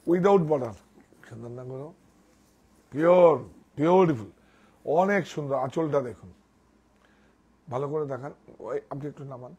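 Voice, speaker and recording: A man presenting sarees in a live sales pitch, enthusiastic, repeating praise and directing the models. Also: moderate pace, long pauses, a little mellow, breathy edge. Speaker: saree seller presenting products.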